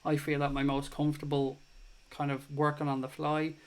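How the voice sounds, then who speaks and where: Clean-toned and a little high, this Irish streamer in his thirties speaks in a monotone at a moderate pace. He chats casually about football live, reading out comments, swearing here and there, and warmly thanking those watching.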